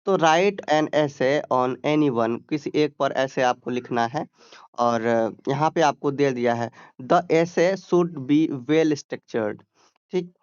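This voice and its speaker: A man with a Hindi accent teaching an exam-prep lesson, explaining step by step, drawing out English words slowly and checking in with students. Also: medium pitch, clear, resonant tone, dry recording, highs cut off. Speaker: exam tutor.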